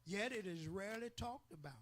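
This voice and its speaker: An older man preaching a sermon as pastor, emphatic, rising to loud peaks and pausing for effect. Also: sits high, expressive.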